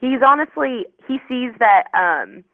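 Guest: a woman in her 20s over a dry, tinny phone line, high-pitched and bubbly. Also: lively intonation, a little slow, vocal fry, dry recording. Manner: bubbly, rambling, lots of fillers. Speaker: psychic medium guest.

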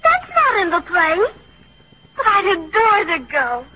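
A coy, sophisticated teenage girl in a vintage radio comedy. Her voice is very high and affectedly poised, on a dull, lo-fi recording. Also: sing-song, measured pace, noisy background, full character voice. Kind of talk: old-time radio comedy acting.

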